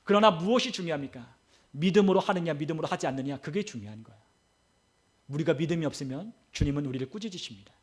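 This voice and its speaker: High-voiced man preaching a sermon. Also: animated, quick pace. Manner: preaching with rhetorical questions and repetition. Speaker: pastor. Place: church sanctuary.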